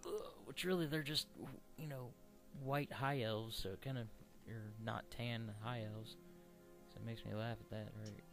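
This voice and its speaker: A man giving casual, rambling let's play commentary, halting and searching for words. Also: mid-range voice, fairly even intonation, gravelly, faint music behind.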